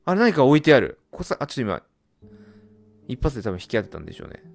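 A man doing horror game commentary, muttering and reading game text aloud, then bursting into loud startled yelps. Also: medium pitch, sing-song, racing, vocal fry, faint music behind. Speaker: let's play gamer.

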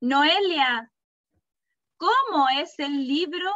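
A woman teaching a kindergarten class over a video call, asking slow, patient questions and praising the children. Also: sits high, animated, a bit bright, dry recording. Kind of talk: online class with young children. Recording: dull, muffled video-call audio.

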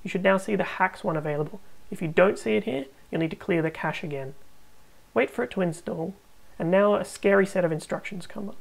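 A woman hosting a tech tutorial, narrating a screen recording with calm, step-by-step instructions. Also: fairly low pitch, vocal fry, rough recording.

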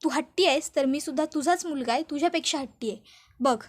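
A stubborn young son pleads and bargains with his mother, as a woman retelling a soap episode puts him on. The voice sits high and coaxing, slowing down when he begs her to calm down. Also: natural voice. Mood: pleading, insistent. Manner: coaxing, pleading, repeats please.

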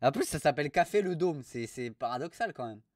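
A man's voice: fairly high pitch, expressive, a little fast, dry recording. Crude, mocking young man streamer. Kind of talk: live stream commentary.

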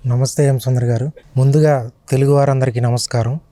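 A young man, an actor answering interview questions in an earnest, polite, measured way. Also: mid-range voice, steady tone, dark tone, no echo. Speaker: film actor, interview guest. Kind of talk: casual interview talk.

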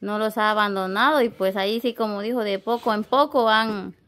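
A woman's voice: mid-range voice, steady tone, normal speed, fairly bright tone. A woman chatting casually and agreeably, often backing others up with "ajá". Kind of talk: casual chat.

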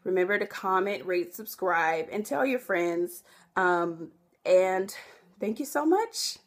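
A young woman vlogging in a casual, rambling way, often correcting herself and filling pauses with "um.". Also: fairly low pitch, lively intonation. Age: young adult. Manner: rambling, self-correcting, chatty with many fillers. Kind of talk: casual chat to camera.

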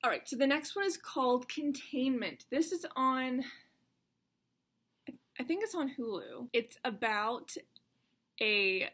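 Bright young American woman wearing retainers. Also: high voice, slow, long pauses, slightly rough. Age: 20s. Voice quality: slight slur from wearing retainers. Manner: animated, rambling, self-mocking. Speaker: vlogger. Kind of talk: casual chatty vlog. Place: carpeted bedroom at home.

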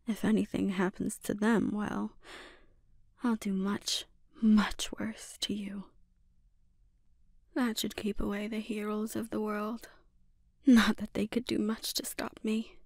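Scarlet Witch, a slow, creaky villainess acted by a woman. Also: medium pitch, level tone, no echo, studio quality. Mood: coolly threatening. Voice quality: breathy, often whispered. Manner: slow, deliberate, dominant, quietly threatening. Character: menacing, seductive sorceress villain, grieving obsessive mother. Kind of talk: ASMR roleplay acting.

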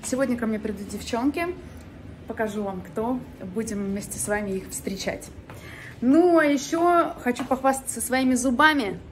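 A woman's voice: on the high side, moderate pace. A woman in her thirties chatting playfully to a phone held at arm's length in an apartment, with a slight lisp that turns s toward sh. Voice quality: slight lisp, sh for s, from new dental aligners. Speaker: vlogger. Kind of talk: casual chat to camera. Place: apartment living room and kitchen. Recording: noisy handheld phone recording.

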